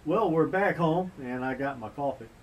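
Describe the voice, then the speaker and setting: A man's voice: on the high side, moderate pace, dull audio. Middle-aged man chatting from a porch. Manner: relaxed, folksy, plain-spoken. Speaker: bushcraft channel host. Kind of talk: casual sit-down vlog chat. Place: outdoor front porch. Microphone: camera mic from a few feet away. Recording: distant mic, faint outdoor ambience.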